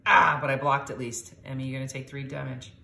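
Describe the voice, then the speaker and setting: A woman's voice: rumbling low, steady tone, fast, gravelly, sharp tone, echoey room. A middle-aged woman hosting a casual board game session with her daughter, explaining rules aloud and reacting with little exclamations. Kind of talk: casual game-play chat to viewers.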